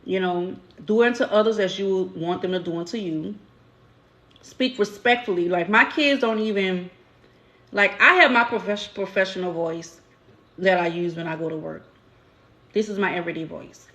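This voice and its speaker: A woman's voice: on the low side, normal speed, fairly bright tone, echoey room. A woman from New Orleans with a local accent, telling stories in a candid, slangy way during a casual live-stream chat as the channel's host. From New Orleans, USA. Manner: candid, storytelling, slangy everyday speech.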